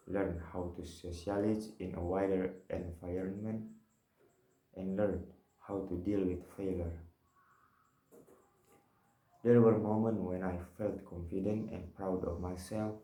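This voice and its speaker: A young man with an Indonesian accent, a first-semester student, reading a personal monologue for a class assignment in slow, careful, measured phrases. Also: low voice, mellow. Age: young adult. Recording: roomy echo.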